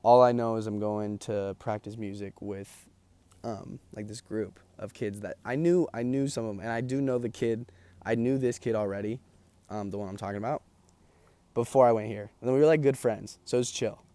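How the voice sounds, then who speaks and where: A young vlogger chats casually to camera, tired and losing his voice, rambling with lots of ums and likes. His gravelly, dark, lowish voice is fairly even at a normal speed, in a dry recording.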